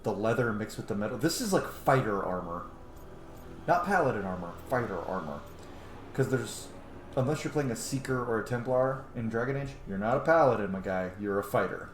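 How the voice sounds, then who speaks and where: Brisk and animated, this thirty-something channel host delivers casual gaming commentary, chatting freely and swearing as he plays. His pitch is medium, and the small home room he records in is echoey with faint noise.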